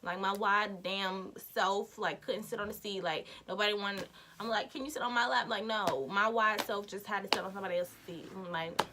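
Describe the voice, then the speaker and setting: A young woman vlogger telling a storytime tale in casual slang, swinging from loud outbursts to hushed asides. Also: medium pitch, steady tone, normal speed, background noise. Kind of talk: storytime vlog.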